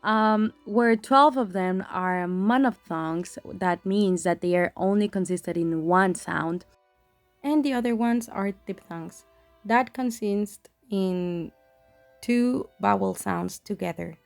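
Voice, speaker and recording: A woman's voice: medium pitch, slow, gravelly, faint music behind. A woman gives a classroom presentation on phonology, explaining with frequent ums and restarts.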